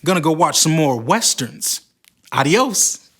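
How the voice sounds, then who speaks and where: Man, kids' Bible story narrator, lively pitch. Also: a little slow.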